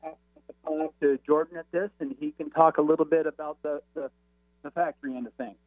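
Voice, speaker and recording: A man's voice reaches us over a crackly phone line that keeps fading in and out. It sits a little high for a man and is thin and tinny, with no room around it. He talks with hesitant fillers and restarts. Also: fairly even intonation, brisk, no echo. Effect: crackly phone line that fades in and out. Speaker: radio show guest. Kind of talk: casual explaining. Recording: tinny, breaking-up phone call.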